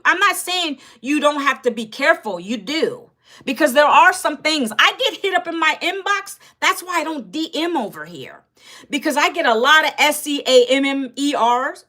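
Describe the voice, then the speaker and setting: A woman in her fifties from Northern Virginia, USA, hosts a livestream, chatting casually, addressing her viewers directly and reading their comments aloud. Her voice sits high and sounds pushed and bright.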